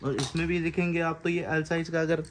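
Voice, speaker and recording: Persuasive male seller, fairly high voice. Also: fairly even intonation, brisk. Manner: persuasive, insistent, repeats guarantees. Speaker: garment factory seller. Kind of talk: sales pitch, showing products. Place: factory sample room, indoors.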